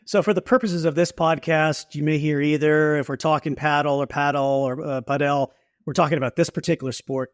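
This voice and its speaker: A man's voice: fairly high pitch, steady tone, a little fast, no room sound, clean studio sound. A man hosting a podcast, introducing his guest and asking curious, friendly questions. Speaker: podcast host. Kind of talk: podcast interview.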